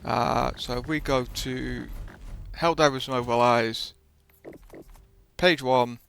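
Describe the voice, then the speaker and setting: A man's voice: mid-range voice, steady tone, slow, vocal fry, fairly bright tone. A man hosting a gaming video with casual commentary, often hesitating and correcting himself as he explains.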